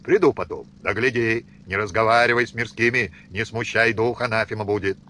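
A man's voice: fairly low pitch, fairly quick, fairly bright tone, a little hiss or hum, lightly acted. A man doing a stern old peasant patriarch. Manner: harsh, commanding, threatening, rustic speech. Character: stern old male Old Believer father.

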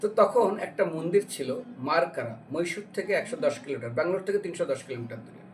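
Fast-talking and somewhat high-voiced, a male preacher relates a devotional lesson as an animated story, slight background noise audible. He acts out conversations and asks the listeners questions, recorded from a distance with music in the background.

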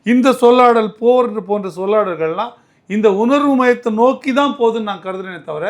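A man's voice: very high voice, brisk. A man answering as a political commentator in an interview, arguing emphatically and often restarting his words.

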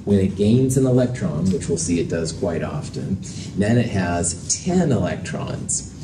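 A man's voice: low voice, big pitch swings, unhurried. A man lecturing as a professor in a lecture hall, explaining things in a casual, self-deprecating way. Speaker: chemistry professor. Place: indoor lecture hall with projector screen and chalkboard. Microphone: distant from the speaker. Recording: roomy lecture hall, distant mic, noisy.

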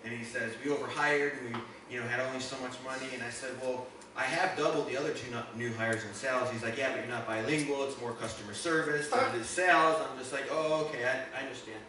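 A man's voice: mid-range voice, quick pace, hardly any pauses. A man, a guest minister, telling a personal testimony in a sermon and building up to emphatic preaching. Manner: storytelling, rising to emphatic preaching. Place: church sanctuary. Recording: echoey hall, distant mic, noisy.

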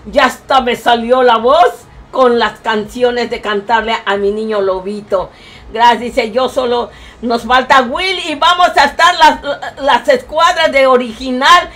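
A woman with a Mexican accent live-streaming, reading viewers' messages aloud and doting on each of them with grandmotherly endearments, breaking into excited cries. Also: high-pitched. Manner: excitable, bursts of loud cries.

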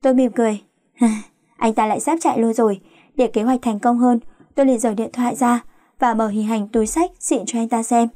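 A woman telling a first-person late-night story in a lively, teasing way. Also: a little high, brisk, no echo, studio quality.

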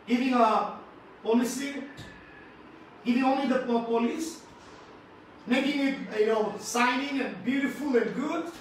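A man with an Indian English accent delivers a sermon in a high, emphatic voice, repeating phrases and prompting the congregation to respond. He sounds distant from the mic, and heavy echo fills the large hall. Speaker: preacher. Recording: very echoey hall, from far off, faint noise.

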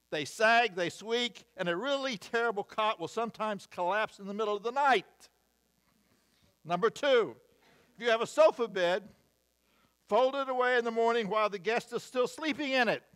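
An older American man preaching a sermon at a church pulpit, measured and wry, reading lists with emphasis. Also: high voice, fairly bright tone, clear, resonant tone. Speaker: pastor. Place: church sanctuary, at a wooden pulpit. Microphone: pulpit mic, far camera.

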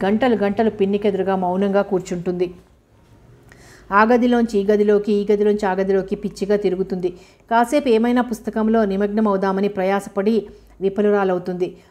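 Female audiobook narrator: steady, measured novel reading, warm mellow voice. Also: mid-range voice.

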